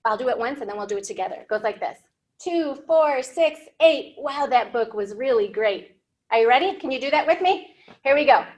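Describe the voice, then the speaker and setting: With a fairly high, animated voice and a brisk pace, a woman in her thirties hosts library storytime indoors. She reads a picture book expressively to young learners as the children's librarian, asking simple questions and explaining.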